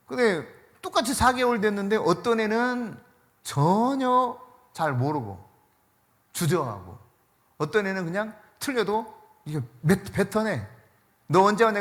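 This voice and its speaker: A male pastor preaching a sermon in a conversational way, stressing points by repeating key words. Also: high voice. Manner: conversational, mixes casual and polite speech.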